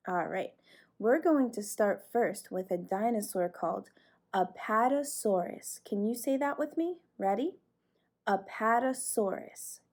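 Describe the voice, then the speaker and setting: A woman leading a lesson for young children in a broad, singsong presenter delivery, asking questions and pausing for answers. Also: mid-range voice, warm tone. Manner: asks questions and pauses for answers. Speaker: children's teacher leading a circle time.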